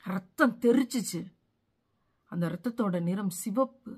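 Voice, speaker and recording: A woman's voice: medium pitch, unhurried, darkish tone, breathy edge. Middle-aged woman preacher, mid-range voice, fervent and imploring, hammers repeated lines. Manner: pleading, rising to fervent emphasis; repeats phrases for rhetorical force. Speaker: religious speaker. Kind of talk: impassioned sermon.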